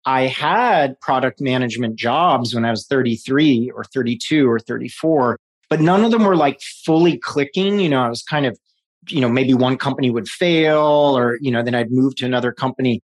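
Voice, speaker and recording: At a moderate pace and in a mid-range voice, this forties-aged New Yorker rambles through a casual interview as a guest. Frequent laughs, fillers, and restarts mark his speech.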